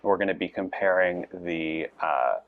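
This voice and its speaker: A man's voice: deep voice, narrow, tinny audio, slight background noise. A man, chatting casually in a cafe and methodically walking through rating criteria. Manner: methodical, lists criteria, measured. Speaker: co-host. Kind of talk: casual chat. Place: cafe, indoors, on a couch.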